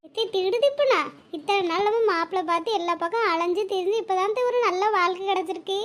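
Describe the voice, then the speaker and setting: ஒரு பெண் குரல் கொடுக்கும் அன்பான இளம் மருமகள், தென் தமிழ் வட்டார உச்சரிப்பு, மிக உயர்ந்த குரல், cartoon. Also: female voice, very high voice, quick pace, fairly bright tone. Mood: reassuring. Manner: firm, comforting, chiding. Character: young married woman, kind and reassuring. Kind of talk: cartoon voice acting.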